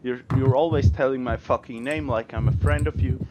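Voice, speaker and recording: A man's voice: mid-range voice, fairly even intonation, brisk, heavy background noise. A man on a voice chat, guarded and frustrated, saying he is getting angry. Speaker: player recording a voice call. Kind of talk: casual voice chat.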